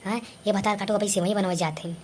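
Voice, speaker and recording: A woman's voice: mid-range voice, steady tone, quick pace, darkish tone, slight background noise. Woman voicing a scolding elder sister-in-law with Awadhi accent. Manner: scolding, complaining. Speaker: comedy voice artist. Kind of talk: scripted cartoon comedy dialogue.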